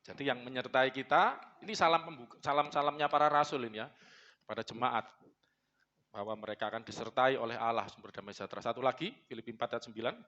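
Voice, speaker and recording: A man's voice: medium pitch, fast, pushed and bright, muffled recording, a little hiss or hum. A man preaching a sermon to his church congregation, blunt and joking, slipping into phrases. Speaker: pastor.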